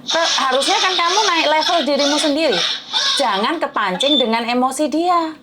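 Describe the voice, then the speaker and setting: A woman host giving motivational advice in a coaxing, rough-spoken way. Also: high-pitched, moderate pace, very noisy. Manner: coaxing, calls listener "sayang", rough-spoken.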